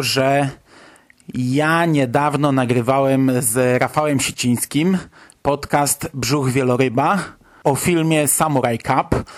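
A man in his late thirties from Poland, talking casually and conversationally as a solo podcast host. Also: medium pitch. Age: late 30s. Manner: conversational, reminiscing.

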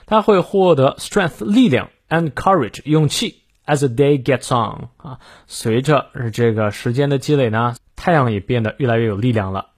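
A man teaching an English reading lesson, explaining in Chinese and reading English sentences slowly and carefully. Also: mid-range voice, animated. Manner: slow careful English read-aloud.

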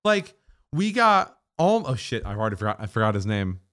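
A man co-hosting a casual gaming chat, his pitch swinging widely as he jumps between thoughts. He swears freely and acts out quotes in passing. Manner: animated, swearing, quick asides and acted-out quotes. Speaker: podcast co-host.

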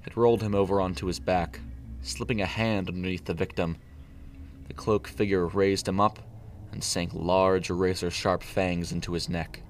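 Male narrator for a storybook reading: deep voice, steady and even delivery, faint noise behind him.

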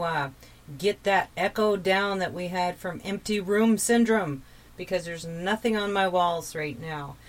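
Woman radio host, speaking from inside a closet, relaxed chatty delivery, mid pitch, fillers and restarts. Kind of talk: casual radio hosting.

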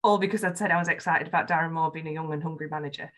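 Rapid-fire and fairly bright in tone, a low-pitched woman's voice keeps a fairly even intonation. She is from Yorkshire, England, has a Yorkshire accent, and speaks frankly and earnestly with many ums as a guest in a conversational podcast interview.

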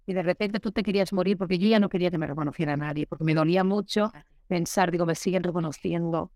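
A woman, an actress, talking candidly in an interview, telling her story lively and acting out the voices she quotes. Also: on the low side, quick pace, no room sound. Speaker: guest, actress.

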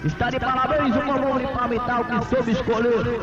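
Brazilian male arena MC, very high-pitched, emphatic showman delivery, muffled lo-fi sound over a loud crowd. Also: little pitch movement. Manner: drawn-out, emphatic showman delivery with repeated phrases. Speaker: rodeo announcer and master of ceremonies. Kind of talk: live arena announcing at a rodeo opening ceremony. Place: outdoor rodeo arena over a loudspeaker system. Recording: dull lo-fi PA recording, loud crowd and music. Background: loud crowd and music.

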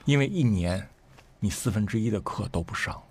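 Male storyteller, low voice, lively and emphatic, plays out the dialogue himself. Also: brisk. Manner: animated, acts out quoted speech with sharp rises. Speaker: storyteller guest. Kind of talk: casual conversational storytelling.

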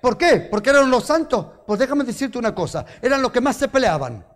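A man's voice: very high voice, very animated, a little fast. A man preaching a sermon, telling stories with rhetorical questions and touches of humor.

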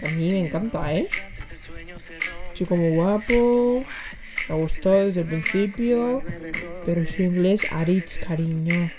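A woman's voice: lowish voice, unhurried, music in the background. A young woman with a Spain Spanish accent, hosting a casual solo podcast and chatting and giggling while she reacts to clips. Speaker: podcast host.

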